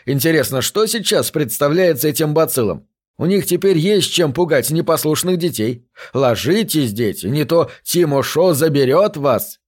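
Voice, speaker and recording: A man's voice: fairly high pitch, animated, moderate pace, husky, pitched above the performer's own voice. A man voicing a sneering male spacefarer who makes cruel jokes in an audiobook. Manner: sneering, jesting.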